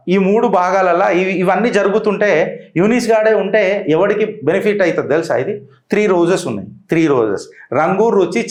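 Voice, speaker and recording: High-voiced Telangana man in heated commentary. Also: reverberant. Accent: Telangana Telugu. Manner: mocking, rhetorical questions to the audience. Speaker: political commentator.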